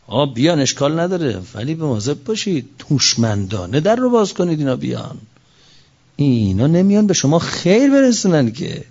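A man delivers a fervent sermon in a fairly high voice, swinging sharply between lifted cries and low, slow phrases. He slows right down to recite scripture. The sound is dull and lo-fi. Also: very animated, darkish tone. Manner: fervent, with sudden rises and drops in pitch; recites scripture verses slowly. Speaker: preacher. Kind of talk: impassioned sermon. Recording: dull lo-fi recording.

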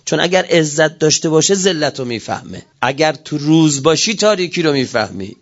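A man with a high voice preaching a religious sermon. He moves from hushed, near-whispered passages to forceful, emphatic lines. The recording sounds dull and lo-fi. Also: animated. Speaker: cleric preacher.

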